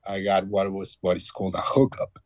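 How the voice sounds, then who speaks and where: A man's voice: deep voice, monotone, a little fast, no echo. Matter-of-fact man, thirties, dry sound. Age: 30s. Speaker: guest, former Marine. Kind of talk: casual conversation.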